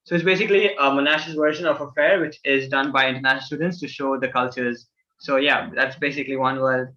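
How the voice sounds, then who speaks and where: A man's voice: mid-range voice, fairly even intonation, quick pace, sharp tone, muffled recording. A young man from a student association casually presenting campus events to new students, with many fillers and restarts.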